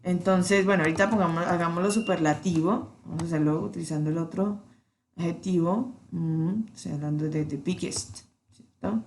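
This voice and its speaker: A woman teaching an English grammar lesson, patiently checking in with her students and slowing down to spell out the examples. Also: on the low side, a little hiss or hum. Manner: patient, checks in with "¿cierto?" often.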